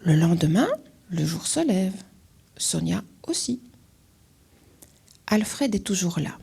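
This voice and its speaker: A woman's voice: fairly low pitch, animated, vocal fry, breathy edge. A woman with a Belgian accent, an author reading her picture book aloud to young children. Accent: Belgian French. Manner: slow, gentle reading with voiced characters.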